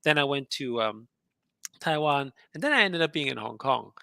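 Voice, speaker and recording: A gravelly, pushed and bright mid-range voice with lively intonation and a moderate pace, recorded with no room sound. The speaker is a middle-aged Austrian guest entrepreneur, a native German speaker, casually sharing his story in an interview with frequent laughs, fillers and restarts.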